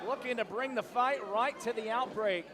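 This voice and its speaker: A man's voice: extremely high pitch, normal speed, a loud crowd. A man working as a wrestling commentator, calling the show live. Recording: loud music behind the voice.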